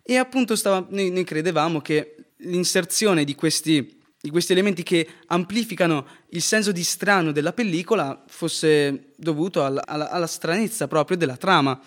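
A man's voice: on the high side, normal speed, a bit bright. A man co-hosting a casual film review chat, talking earnestly and often ending points with a questioning "right?".

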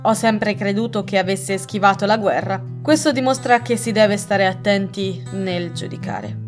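A woman reading aloud and voicing a stiff, indignant elderly English colonel with a gruff, pompous manner. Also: mid-range voice, moderate pace, faint music behind, lightly acted.

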